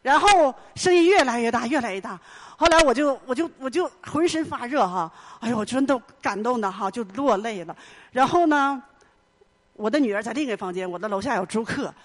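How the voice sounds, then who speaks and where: A woman's voice: fairly high pitch, animated, brisk. A middle-aged woman giving an emotional personal testimony in church, telling her story earnestly and with much repetition. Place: church hall.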